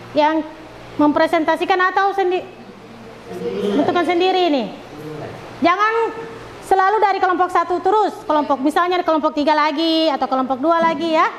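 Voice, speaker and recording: A woman's voice: extremely high pitch, big-room sound, slight background noise. A woman teacher giving directions to her class, checking often that students are ready. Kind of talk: classroom instruction.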